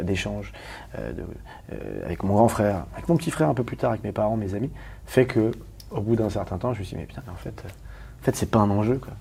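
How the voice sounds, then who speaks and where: A man from Paris, a guest talking candidly in an interview, rapid and emphatic with many restarts and questions to the listener. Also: fairly low pitch, dark tone, slight background noise. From Paris, France.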